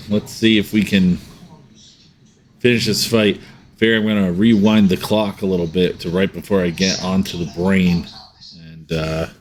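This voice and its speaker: A man streaming a video game live, chatting casually and greeting viewers by name in a laid-back way. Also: sits low. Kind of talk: casual live-stream chat while gaming.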